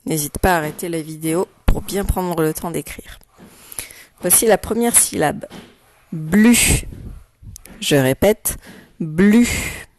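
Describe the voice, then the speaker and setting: A woman teacher giving a spelling dictation to young children, speaking slowly and pronouncing each syllable with care. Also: fairly low pitch, darkish tone. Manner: slow, carefully articulated, patient; repeats words and stresses syllables for spelling. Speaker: primary school teacher.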